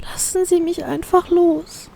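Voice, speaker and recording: Brief: stammering scared young captive , read by a woman, high, mellow tone, fanfiction audiobook. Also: steady tone, measured pace, vocal fry, heavily acted. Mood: tearful pleading.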